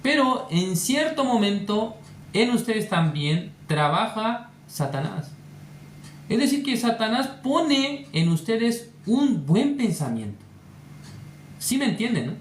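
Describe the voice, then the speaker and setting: A man preaching a sermon in an animated way, often asking his listeners rhetorical questions. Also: sits high, slow. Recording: roomy echo, faint hiss.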